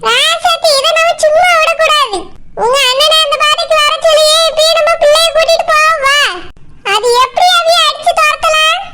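A performer voicing a calm, concerned village woman with a Tirunelveli Tamil accent, who comforts and questions her sister-in-law. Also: extremely high pitch, moderate pace. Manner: soothing, questioning, supportive. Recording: loud background noise.

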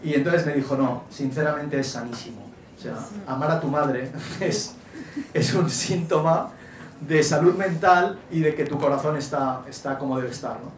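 A middle-aged man, telling stories as an author guest in a relaxed, jokey way and acting out quotes. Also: on the high side, moderate pace. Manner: animated, jokey, acts out quotes. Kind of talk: relaxed storytelling talk. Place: event hall before an audience. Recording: echoey venue, distant mic, faint noise.

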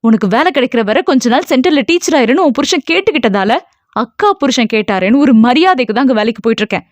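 A woman's voice: sits high, lively intonation, fast talker, no room sound. A woman voicing an angry, hurt young woman who scolds fiercely. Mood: furious.

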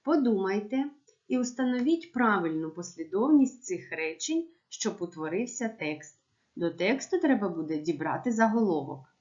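A woman teacher giving a remote lesson to young pupils, with clear, measured instructions. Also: medium pitch, lively intonation, darkish tone, dull audio. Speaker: primary school teacher.

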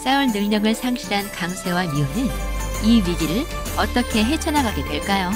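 A woman narrating a comic folktale animation in a gentle storytelling cadence. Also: medium pitch, sing-song, moderate pace, over loud music.

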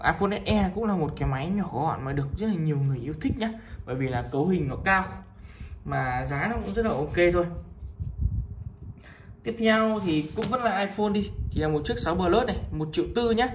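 A man with a northern Vietnamese accent gives an informal, repetitive sales pitch as a shop seller, presenting items one by one to viewers. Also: lively intonation, brisk, a little hiss or hum. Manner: repetitive, item-by-item selling with frequent appeals to viewers.

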